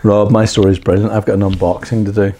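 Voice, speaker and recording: A middle-aged man co-hosting a casual chat, telling rambling, animated stories with plenty of swearing and restarts. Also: on the low side, fast, a little hiss or hum. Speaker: podcast co-host.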